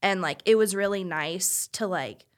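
A woman's voice: on the low side, normal speed. A young woman in her twenties, a former college swimmer, chatting candidly as a podcast guest and filling her talk with "like". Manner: heavy use of "like", chatty and candid. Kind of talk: casual chat.

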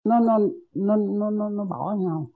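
A husky woman in her sixties pours out her worries to her teacher, hesitant and deferential, tripping over repeated words. The voice is breathy and worn. It comes through a thin, tinny, phone-like recording. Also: medium pitch, measured pace. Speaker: meditation disciple. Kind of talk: asking a teacher for advice. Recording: tinny lo-fi tape.

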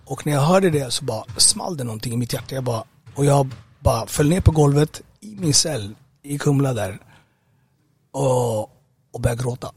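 A man giving a personal testimony in an interview. He talks conversationally and haltingly, with many fillers and repeated words. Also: medium pitch, lively intonation, darkish tone, no room sound. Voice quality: husky. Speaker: interview guest.

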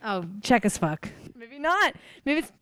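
A woman's voice: sits high, sing-song, unhurried, fairly bright tone, smooth, no echo. Woman co-host, playful jokey banter, casual swearing, dry close recording. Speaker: podcast co-host. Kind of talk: casual chat.

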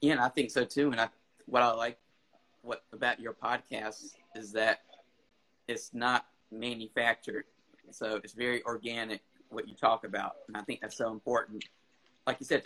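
A man's voice: medium pitch, bright, forceful tone, poor audio. A man hosting an interview, speaking in an affirming, conversational way. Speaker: interview host. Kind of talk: casual interview talk.

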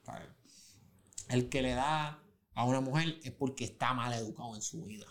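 Man, slangy studio chat. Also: mid-range voice. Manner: slangy, loose storytelling with frequent restarts. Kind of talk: casual chat. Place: recording studio.

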